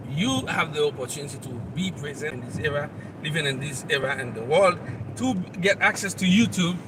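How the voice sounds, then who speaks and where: A Haitian man, a motivational coach and channel host, gives a live talk outdoors on the road, speaking straight to the listener and earnestly repeating his points. His voice is high with a Haitian accent, and he sounds distant from the mic over loud traffic.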